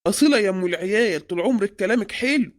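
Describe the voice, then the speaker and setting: A woman's voice: mid-range voice, expressive, rapid-fire, lightly acted. A woman voicing a grumpy, preachy father in an Egyptian cartoon, with an Egyptian Arabic accent. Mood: grumbling. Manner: grumbling, preachy.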